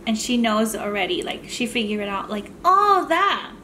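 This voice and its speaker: A woman's voice: medium pitch, steady tone, brisk, a little hiss or hum. A woman hosting a mukbang video, chatting casually and rambling between bites of food. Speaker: mukbang channel host. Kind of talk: casual chat while eating on camera.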